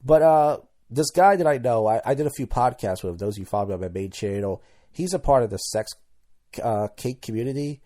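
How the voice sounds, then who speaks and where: Thirtysomething guy rambling solo on his podcast, soft dark tone, keeps repeating himself. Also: medium pitch, animated, fairly quick. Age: 30s. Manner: rambling, candid, stumbles and repeats words. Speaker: podcast host. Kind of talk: casual solo monologue.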